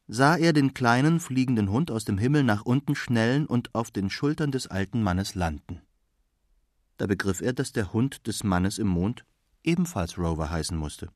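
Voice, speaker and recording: A man narrating a children's storybook in a calm, measured reading voice. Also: fairly low pitch, no room sound, clean studio sound.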